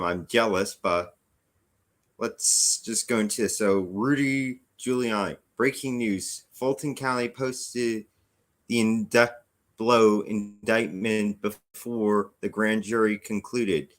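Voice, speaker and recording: A man's voice: lowish voice, a bit bright. An American man hosting a casual news podcast, sounding tired and rambling, often restarting his sentences and making chatty asides to his viewers. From United States. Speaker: podcast host. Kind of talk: casual news-commentary monologue.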